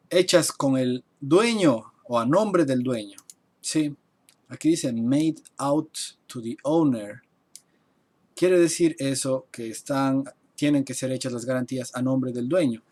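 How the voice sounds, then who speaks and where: A man teaching a live online class at his computer, explaining and translating terms slowly and step by step, with typing heard behind him. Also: a little high, a little mellow. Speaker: architect teaching construction English. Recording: faint noise and keyboard typing. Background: keyboard typing.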